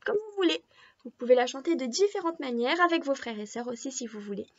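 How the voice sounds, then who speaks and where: A woman's voice: high voice, expressive. A woman teacher singing a nursery rhyme and encouraging young children to sing along with her. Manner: sings slowly and clearly, encouraging children to join in. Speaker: preschool teacher. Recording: dull lo-fi recording.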